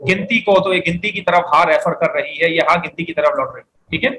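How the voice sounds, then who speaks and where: A man teaching an Arabic class, explaining step by step, asking the students questions and reading phrases slowly for them to repeat. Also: fairly high pitch, pushed and bright, low-quality recording. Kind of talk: classroom lecture.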